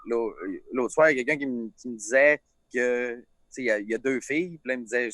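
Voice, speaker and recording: A man with a Lac-Saint-Jean Quebec French accent, a singer chatting outdoors as a guest in a relaxed, rambling way over a remote call. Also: mid-range voice, quick pace, no echo. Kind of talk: casual chat.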